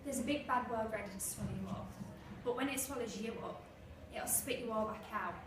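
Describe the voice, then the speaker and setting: A woman's voice: a little high, fairly quick, close to an everyday voice. A woman acting a scornful bullied schoolgirl, echoey and distant. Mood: bitter. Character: bitter, defiant bullied schoolgirl. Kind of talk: drama monologue performance. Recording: echoey room, far mic, noisy.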